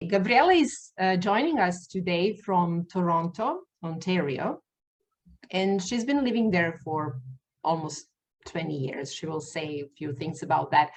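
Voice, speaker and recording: Over a video call, a woman with a lowish voice hosts an interview podcast. English isn't her first language, and she speaks haltingly, with lots of fillers and restarts.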